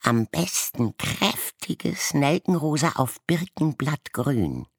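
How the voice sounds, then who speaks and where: A man voicing a scornful, croaking pink-green striped male raven in a storybook fable. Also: fairly high pitch, lively intonation, takes it slowly, dry recording, studio quality, pitched above the performer's own voice, heavily acted. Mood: mocking. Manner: croaking, mocking.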